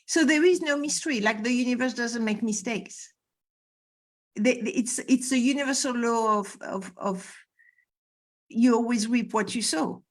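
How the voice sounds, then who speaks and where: A woman's voice: a little high, unhurried. A woman spiritual teacher talking earnestly on a video call, stressing points by repeating words. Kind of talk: conversational interview on a call.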